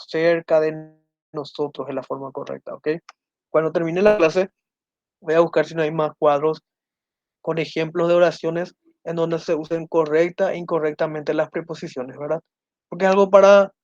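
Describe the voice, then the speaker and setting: Male teacher, steady delivery. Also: on the high side, no echo, muffled recording. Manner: slows down to read out correct and incorrect phrases; often checks in with listeners, asking ¿verdad?. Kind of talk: online grammar lesson.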